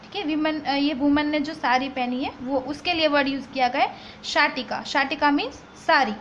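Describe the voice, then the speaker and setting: A woman's voice: high voice, steady tone, moderate pace, a bit bright. A woman teacher, patiently explaining vocabulary and spelling words out letter by letter. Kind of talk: classroom vocabulary lesson. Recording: slightly dull lo-fi recording with faint background noise.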